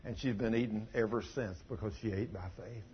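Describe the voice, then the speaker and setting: An older man preaching a sermon in a church, telling folksy stories and surging loud for emphasis, in a husky voice. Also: lowish voice, fairly even intonation, a little fast. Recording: dull lo-fi recording.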